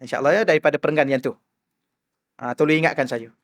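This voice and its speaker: A middle-aged religious teacher, his voice sitting a little high for a man. He lectures in a mosque in a lively way, throwing rhetorical questions at the listeners. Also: quick pace.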